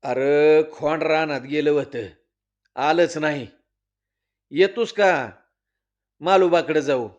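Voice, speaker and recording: A man's voice: fairly high pitch, takes it slowly, pauses often. A man doing a bossy village headman. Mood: calling out. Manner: bossy, shouting orders. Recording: dull lo-fi recording.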